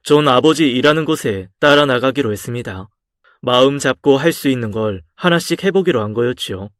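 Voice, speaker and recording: A man narrating a first-person life story in a calm, subdued, reflective way. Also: medium pitch, fairly quick, dry recording, studio quality.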